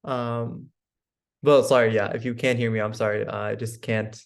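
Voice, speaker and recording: A man's voice: medium pitch, level tone, normal speed, creaky. A man interviewing someone over a video call, hesitant and apologetic as he checks the connection. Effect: video call audio. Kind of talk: casual interview chat. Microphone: computer on a video call.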